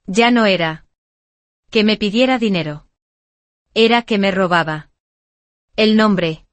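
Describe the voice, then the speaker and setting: A woman reading a first-person story as scripted narration, in a slow, even, measured way. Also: medium pitch, dry recording.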